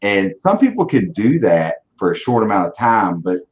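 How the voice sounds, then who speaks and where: A blunt, driven man in his forties, an auto dealership leader appearing as a guest, answers interview questions casually and often repeats words as he restarts. His voice runs fairly low and darkish, very animated at a normal speed, with lo-fi sound quality.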